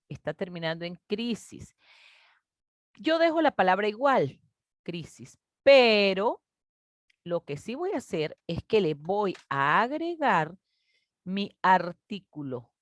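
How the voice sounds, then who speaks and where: A patient woman teacher walks young pupils through a grammar rule, drawing out each example word. Her voice sits on the low side for a woman. The recording is dry and close, with little room sound. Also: no room sound. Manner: patient, explanatory, addresses children warmly as "mis niños"; stretches out example words slowly. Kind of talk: grade-school grammar lesson.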